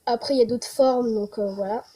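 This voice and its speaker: A young woman talks casually to her viewers about a holiday wishlist. Her voice sits a little high but sounds soft and mellow. She hesitates often as she goes. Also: fairly even intonation, fairly quick. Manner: chatty, many hesitations. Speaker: vlogger.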